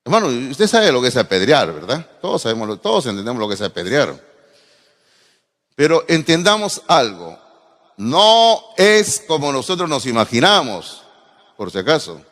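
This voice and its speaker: A Peruvian man preaching a sermon with a Peruvian accent. He speaks emphatically, swinging from loud exclamations to low asides. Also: sing-song, normal speed. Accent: Peruvian Spanish. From Peru. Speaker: pastor. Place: church sanctuary. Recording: long hall reverb of a church.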